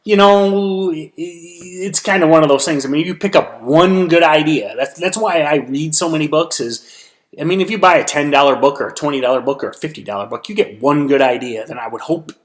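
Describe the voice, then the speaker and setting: A man's voice: fairly high pitch, brisk. Tired man rambling through a trade recap. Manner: rambling, many restarts and fillers. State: tired, yawning. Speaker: stock trader giving a daily recap. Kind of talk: casual solo trading recap.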